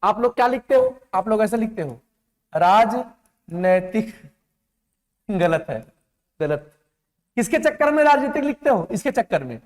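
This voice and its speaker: A man teaches an exam-prep class, drilling correct and wrong spellings and stopping often to ask whether students follow. His voice sits very high for a man. The sound carries a long echo, like a large hall. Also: very animated, normal speed. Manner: drills spellings, calls students beta, repeats "clear hai?".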